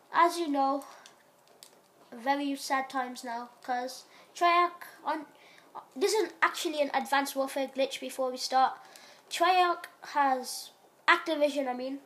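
Her voice sits high as this woman, hosting a gaming channel, rambles casually about gameplay while ill. She's nasal and stops to cough, and she's recorded in a dark room on a phone aimed at a TV.

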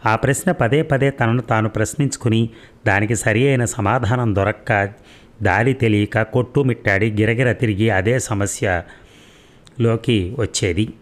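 A man with a fairly low voice reads a story aloud. His delivery is measured and reflective, and he slows down to let important phrases land. It is the steady pacing of an audiobook narrator. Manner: measured, reflective reading that lingers on key phrases.

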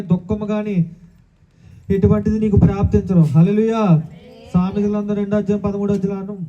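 A man preaching a sermon as pastor, calling out hallelujah often and asking the congregation questions. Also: sits high. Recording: tinny phone-like sound.

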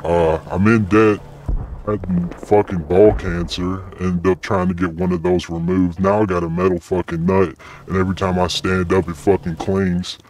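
A man who makes gaming videos trades casual, crude, playful banter full of slang while playing an online game. His voice sits low and level, a little mellow, at a moderate pace, with faint noise and game sounds in the background.

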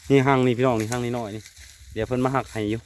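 A man with an Isan Thai accent vlogs a family outing in the countryside, his medium-pitched voice flat and rapid-fire. He chats casually with his viewers, often addressing them in a folksy way, over the noise of the outdoor rural setting.

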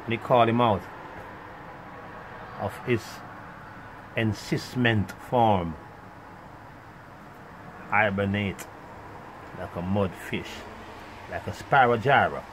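A man's voice: on the low side, slow, pauses often, background noise. Foul-mouthed ranting man. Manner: rambling, swinging between loud outbursts and muttered asides. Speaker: vlogger. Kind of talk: profane ranting monologue.

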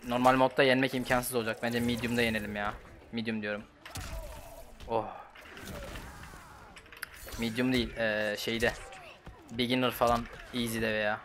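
A young man with a Turkish accent, giving casual, slangy commentary while playing a fighting game at his computer and reacting loudly to each fight. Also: mid-range voice, flat delivery, moderate pace, pauses often, slight background noise. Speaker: gaming channel host.

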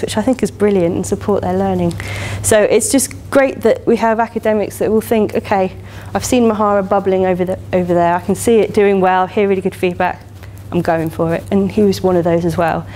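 Perempuan Inggris bersemangat memberi presentasi utama di aula kuliah, suara hangat lembut, sedikit desis latar. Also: female voice, mid-range voice, fairly even intonation, brisk, hardly any pauses, warm tone, a little hiss or hum. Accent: English. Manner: enthusiastic, chatty, many "you know" fillers. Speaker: keynote speaker. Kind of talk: conference keynote talk. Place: lecture hall, standing by a lectern.

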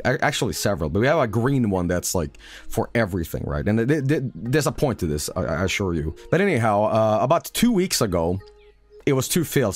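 A young man streaming a game, rambling profanely and breaking into sudden loud outbursts. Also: mid-range voice. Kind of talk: casual live-stream commentary.

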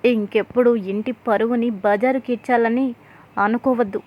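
A woman voicing a sharp-tongued woman taunting a scheming relative. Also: on the high side, fairly even intonation, moderate pace, a little hiss or hum, natural voice. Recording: tinny phone-like sound.

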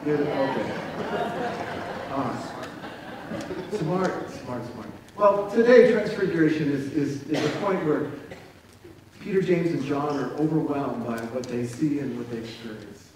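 Folksy pastor in an echoey church. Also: male voice, mid-range voice, animated, far from the mic, background noise. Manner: folksy, halting, self-deprecating. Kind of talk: sermon with a told joke. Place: church sanctuary. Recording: echoey church recorded from afar.

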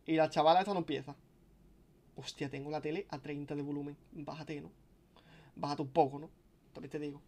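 Chatty young streamer, higher voice. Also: male voice, steady tone, fairly quick, gravelly, long pauses, darkish tone. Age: young adult. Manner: chatty, swearing, restarting sentences. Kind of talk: casual live-stream chat.

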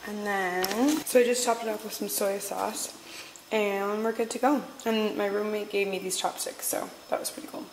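A woman's voice: medium pitch, steady tone, normal speed, a little hiss or hum, low-quality recording. A woman in her twenties chatting casually to her vlog camera, rambling along with frequent ums. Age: 20s. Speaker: vlogger.

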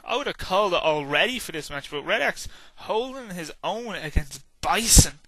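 Tired, rambling young wrestling commentator. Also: male voice, sits high, animated, normal speed, pushed and bright, dry recording. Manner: casual, rambling, hums and sings to himself between calls. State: tired, yawning. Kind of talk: video game wrestling commentary.

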